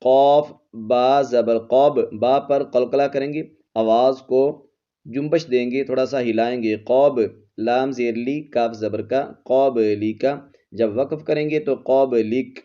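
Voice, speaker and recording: A man with a warm, medium-pitched voice, steady tone and measured pace teaches Quran recitation slowly, letter by letter. He patiently spells out each letter and vowel, then blends them into the word, in slightly dull lo-fi sound.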